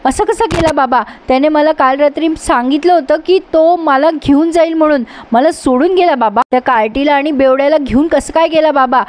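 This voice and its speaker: A woman's voice: sits high, steady tone, fairly quick, few pauses, darkish tone, natural voice. A woman voicing a spoiled, jealous young daughter who whines and scolds insistently. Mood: whiny upset.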